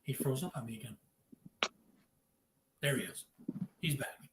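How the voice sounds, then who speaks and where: A man hosting a live-streamed interview, upbeat and chatty, giving shout-outs to viewers. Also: mid-range voice, measured pace. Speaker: podcast host. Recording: echoey room with faint noise.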